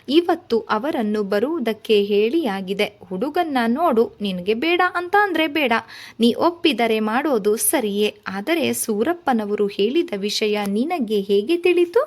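A woman reading aloud voices a brisk, practical middle-aged mother who scolds her daughter for crying. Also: fairly high pitch. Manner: chiding, dismissive of tears.

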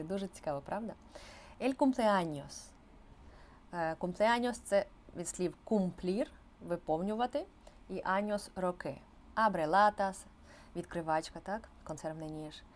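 A woman teacher explaining grammar in an online language lesson, stressing key words with lively emphasis. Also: fairly low pitch, slight background noise. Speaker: Spanish teacher.

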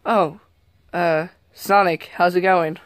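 A woman's voice: lowish voice, fairly even intonation, slow pace, dry recording. A woman voicing an oblivious, bossy male plumber in an amateur parody, talking in a blunt, dismissive way. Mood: casual.

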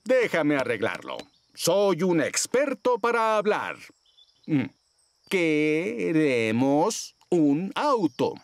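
A man's voice: a little high, huge pitch swings, slow, no room sound, exaggerated voice. A man voicing a jovial, self-assured father pig in a children's cartoon.

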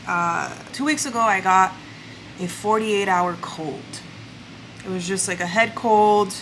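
Over a noisy background, a lifestyle vlogger in her twenties chats casually to the camera from her vanity in her bedroom at home. Her medium-pitched voice is congested from the flu, and she tells stories in a chatty way, saying "like" constantly.

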